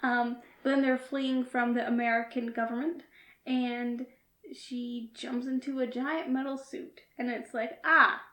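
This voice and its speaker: A giggly woman co-hosts a relaxed podcast conversation, breaking into laughter as she retells scenes. Her voice sits high, and the recording carries a noticeable roomy echo. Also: a little slow. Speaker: podcast co-host. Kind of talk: casual chat.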